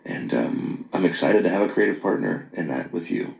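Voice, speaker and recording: A man leaving a late-night voice message on his phone, earnest and apologetic, talking haltingly with many pauses and restarts. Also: deep voice, vocal fry. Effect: voice message recorded on a phone. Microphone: phone held close. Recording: echoey phone voice memo.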